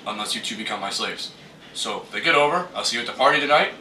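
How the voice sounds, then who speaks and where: A man's voice: fairly low pitch, lively intonation, fast, pushed and bright. A man playing a scheming former master in an improvised comedy, talking casually and matter-of-factly. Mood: smug threatening. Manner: casual, hesitant, matter-of-fact. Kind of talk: improvised comic mockumentary. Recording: distant, echoey mic with noisy ambience.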